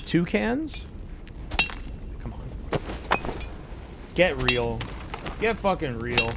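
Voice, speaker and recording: A man doing casual live game commentary for his chat, profane and excitable in his talk. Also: on the high side, extremely slow, heavy background noise. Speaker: game streamer. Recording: game music behind voice.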